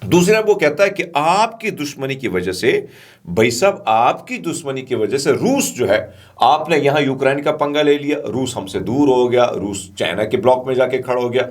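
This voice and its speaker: Pakistani guy doing chatty news commentary, rambling asides, medium-pitched voice. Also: expressive. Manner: chatty, digressive, with asides and fillers.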